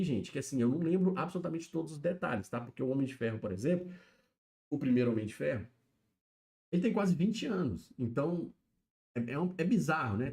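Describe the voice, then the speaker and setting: A man's voice: a little high, warm tone. A man chatting casually alone on a live stream, explaining things and checking in with his viewers. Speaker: YouTube streamer. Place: home setup, alone.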